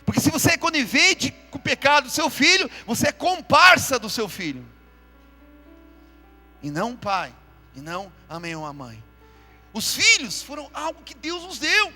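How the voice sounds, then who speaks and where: During a live church service, a pastor with an extremely high, bright, forceful voice preaches a fervent sermon at a moderate pace with huge pitch swings. He calls out to the congregation and asks them to repeat after him, with faint music behind.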